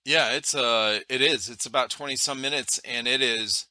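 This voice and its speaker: A man's voice: mid-range voice, moderate pace, pushed and bright, no echo. A man hosting a podcast, asking questions in casual, conversational speech. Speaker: podcast host. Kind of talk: casual interview chat.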